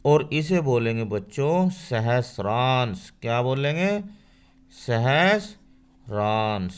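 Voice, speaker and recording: A man's voice: a little high, lively intonation, takes it slowly, smooth. A man teaching a school maths lesson to children. He asks questions and answers them himself. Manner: addresses children directly.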